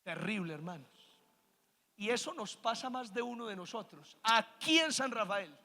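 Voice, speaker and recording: A man's voice: sits high, animated, normal speed, pushed and bright. A man preaching a sermon as pastor, emphatic and calling on the congregation to say amen. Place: church. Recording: reverberant church hall. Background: long church reverb.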